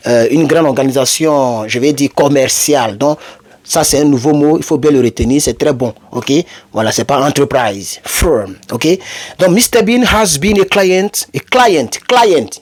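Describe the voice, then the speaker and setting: A man giving an English lesson at a slow, unhurried pace. His pitch swings widely and leaps up high whenever he reads an example sentence aloud. He repeats key words patiently, the way a teacher drills a class. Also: animated. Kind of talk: explaining a language lesson.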